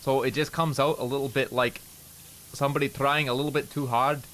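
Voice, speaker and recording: A young Canadian man with a slight rural accent and a nasal, mid-range voice chats casually while streaming a game, rambling, swearing often and poking fun at himself. His pitch barely moves, he talks fairly quickly with a slightly bright tone, and there's a little hiss or hum in the recording.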